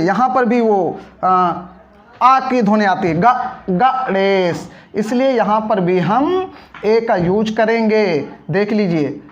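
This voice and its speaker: Slow, patient spelling teacher, lo-fi. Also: medium pitch. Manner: patient, breaks words into syllables, asks check-up questions. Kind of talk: step-by-step spelling lesson. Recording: dull lo-fi audio.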